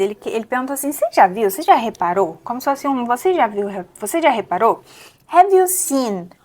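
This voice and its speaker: A young adult woman with a Brazilian Portuguese accent, teaching English pronunciation step by step and repeating words slowly to model them. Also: on the high side. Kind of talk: pronunciation lesson.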